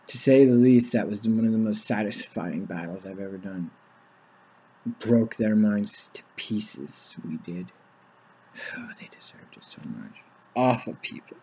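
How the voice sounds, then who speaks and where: A man telling of his spiritual visions in a halting, emotional monologue, with many restarts. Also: fairly low pitch, dark tone, breathy edge. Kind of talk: personal testimony monologue. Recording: dull lo-fi recording.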